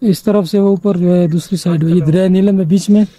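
A man's voice: high voice, fairly even intonation, brisk, mellow, a little hiss or hum. A man vlogging outdoors on a mountain trail, pointing out the scenery to viewers as he climbs, recorded on a handheld camera. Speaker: travel vlogger. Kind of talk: casual commentary while hiking.

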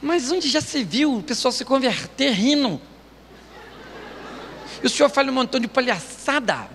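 A man's voice: extremely high pitch, big pitch swings, moderate pace, a bit bright, big-room sound, slight background noise. A man preaching a humorous sermon as pastor, telling jokes and stories and laughing often. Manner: joking storytelling, laughing often. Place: church stage.

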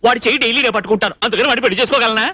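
A man's voice: extremely high pitch, pushed and bright, no echo, full character voice. A young man playing a flustered bachelor who scolds in exasperated bursts in a film comedy scene. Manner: exasperated rapid scolding with comic outbursts. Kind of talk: Telugu film comedy dialogue.

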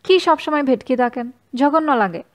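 A woman's voice: high voice, expressive, normal speed. A woman voicing a shy, easily embarrassed teenage girl who pouts and protests when teased. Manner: pouting, protesting.

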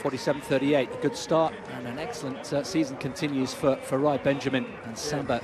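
A man giving live play-by-play commentary on an athletics race, introducing the runners, then rising to excited shouts during the race. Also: mid-range voice, brisk, over a noisy crowd.

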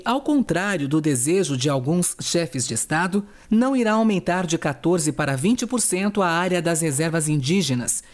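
A woman news correspondent narrating a scripted report in a steady, even delivery. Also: on the low side.

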